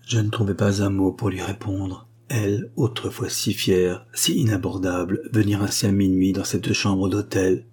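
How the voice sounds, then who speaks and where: A man narrating a literary story as an audiobook, in a measured, unhurried delivery. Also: low voice, steady tone, darkish tone, breathy edge. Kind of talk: audiobook reading.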